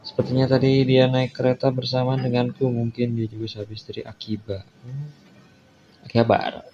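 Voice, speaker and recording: Reading a visual novel aloud for a let's play, this Indonesian-accented man throws in casual, spontaneous comments on what he reads. He talks fairly quickly at a medium pitch, with a level, dark tone. Faint game music plays behind dull, lo-fi audio that carries a little hiss or hum.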